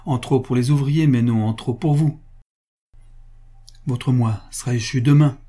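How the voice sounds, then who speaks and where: A man's voice: medium pitch, unhurried, dark tone, natural voice. A man reading the part of a proud factory owner facing bankruptcy, speaking with restrained, solemn emotion. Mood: grave.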